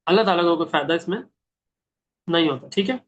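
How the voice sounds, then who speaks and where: A man teaching a Quran translation class, reciting Arabic verses slowly and then explaining them with questions he answers himself. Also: on the high side, a bit bright, highs cut off.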